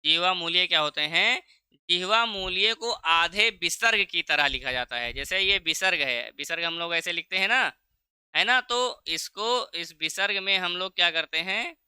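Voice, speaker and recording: A man with a high, bright, very crisp voice teaches an exam-prep lesson, recorded close and dry. He asks the class question after question and answers each himself, slowing down to stretch out the sounds he wants them to learn. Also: dry recording. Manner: drags out key sounds slowly when showing pronunciation. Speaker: Sanskrit teacher.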